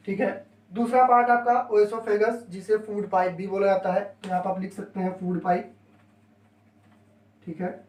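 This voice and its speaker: Echoey, distant male biology teacher. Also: high-pitched. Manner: explains step by step, mixes English terms into Hindi. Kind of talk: classroom lecture.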